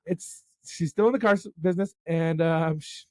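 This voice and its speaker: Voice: medium pitch, moderate pace, no echo, clean studio sound. A podcast co-host chatting casually about crime stories, with lots of "like" and "um". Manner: loose, full of fillers like "like" and "um". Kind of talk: casual true-crime chat.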